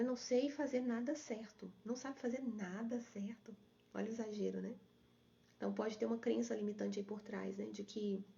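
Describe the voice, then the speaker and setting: A woman's voice: medium pitch, creaky, mellow, lo-fi sound. A woman therapist hosting a live stream, explaining things and answering viewer comments.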